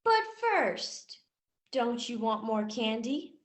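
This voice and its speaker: A woman's voice: fairly high pitch, big pitch swings, takes it slowly. A woman playing a scolding, crotchety old candy-house witch in a comic school stage play, theatrical in manner. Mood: coaxing.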